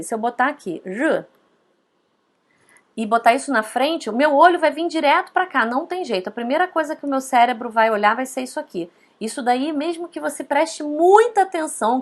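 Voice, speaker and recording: A woman teaching a casual online lesson, chatty, often tagging her points with quick questions. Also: high-pitched. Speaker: Mandarin teacher.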